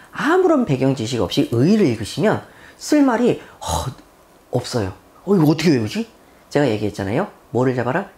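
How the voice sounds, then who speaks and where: Low-voiced woman lecturing with lively pitch. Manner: rhetorical questions answered herself, emphatic repetition. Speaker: civil law lecturer. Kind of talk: exam-prep lecture.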